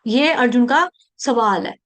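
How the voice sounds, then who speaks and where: A woman's voice: on the high side, measured pace. A woman teaching how to pronounce and recite a Sanskrit verse, breaking words into syllables and explaining their meaning patiently.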